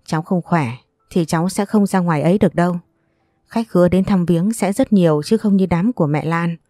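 A woman voicing a sharp-tongued but protective middle-aged aunt in an audio story. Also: on the low side, a little fast, no room sound, close to an everyday voice. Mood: gentle. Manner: scolding, firm.

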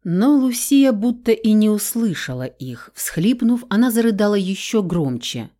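A woman reading a first-person audiobook in an even, measured storytelling manner. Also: mid-range voice. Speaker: narrator.

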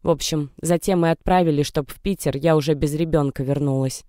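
Brief: narrator playing a desperate young mother-to-be, tearful and defiant, mellow, clean and close on mic. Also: medium pitch, fairly even intonation, brisk, dry recording, lightly acted. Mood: bitter. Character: young distressed pregnant woman. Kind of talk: audiobook character reading.

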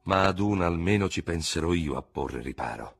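A man voicing a proud, embittered old male cavalry general who blusters and speaks dogmatically, in a husky voice. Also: deep voice, lively intonation, moderate pace, full character voice. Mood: indignant.

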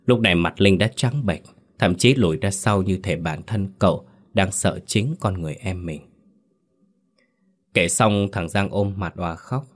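A man narrating a horror story, in a measured, dramatic reading. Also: deep voice.

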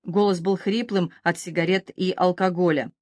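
A woman narrating a thriller audiobook in a steady, even reading manner. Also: lowish voice, normal speed, no room sound. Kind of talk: scripted narration.

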